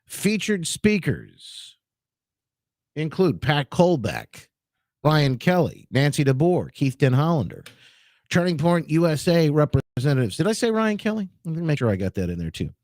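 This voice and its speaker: A man's voice: fairly high pitch, very animated, normal speed, darkish tone, dry recording. A man hosting a talk radio show, chatting casually and greeting listeners by name from his studio. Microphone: studio microphone.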